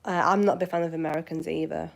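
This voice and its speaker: A channel host from West Yorkshire, England, chats casually with viewers in a Yorkshire accent, answering them while rambling with many fillers and restarts. Her voice is low-pitched and creaky, racing along with fairly even intonation.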